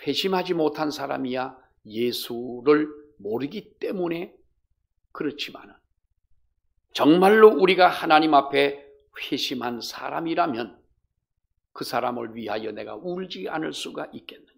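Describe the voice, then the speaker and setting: A male pastor with a gravelly voice, preaching a fervent sermon that swings between loud exhortation and hushed storytelling. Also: medium pitch, expressive, normal speed.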